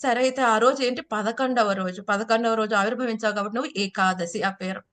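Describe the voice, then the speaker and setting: A woman's voice: a little high, fairly even intonation, a little fast, fairly bright tone. Telugu-accented woman telling devotional stories. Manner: storytelling with voiced dialogue and rhetorical questions. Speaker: religious speaker. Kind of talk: devotional story-telling talk.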